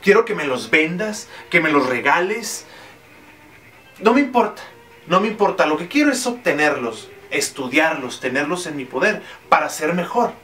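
A man's voice: fairly high pitch, very animated, moderate pace, bright, forceful tone, distant mic. A man voicing a king who is eager for the books but haggles over their price. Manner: pleading, haggling.

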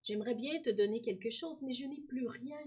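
A woman voicing a tender, self-giving old apple tree in a storybook reading, in a soft, high, gentle way. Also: a little fast, slightly rough. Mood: sorrowful. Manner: pleading, fond storybook reading.

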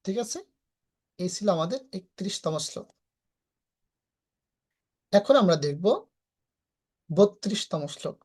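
A woman's voice: lowish voice, a little slow, pauses often, a little mellow, breathy edge. A woman with a Bangladeshi Bengali accent teaching Sanskrit verse pronunciation in a live class, breaking each verse into syllables and then chanting it whole.

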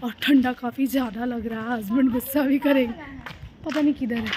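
A woman's voice: on the high side, steady tone, brisk. A young woman chatting casually to her phone as she films a family trip, playful and teasing. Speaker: vlogger. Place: outdoors at a busy fair. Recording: crowd noise behind. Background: crowd and traffic.

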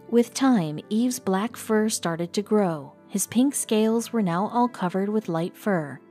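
A woman reading a scripted documentary narration in an even, measured way. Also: mid-range voice. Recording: voice-over with faint music behind.

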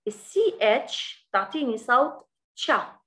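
A woman teaching English grammar with a Levantine Arabic accent, in a recorded lesson. Her voice sits a little high, and she moves quickly through her explanations. She slows down deliberately to say each English example word. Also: big pitch swings, pushed and bright.

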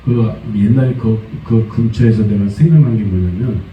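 A pastor preaching a Sunday sermon, lively, slipping into high acted voices for quoted complaints. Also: male voice, moderate pace, slight background noise. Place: church sanctuary. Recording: dull, echoey church sound from a distance.

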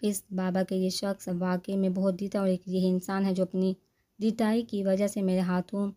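A fiery young woman, quick with sarcasm and easily annoyed, as a woman reading the novel voices her. She snaps her lines in a mellow, low-contrast tone with little rise and fall. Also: flat delivery, lightly acted. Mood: sarcastic. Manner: sarcastic, snapping. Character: sharp-tongued, irritated young woman, a fiery bride.

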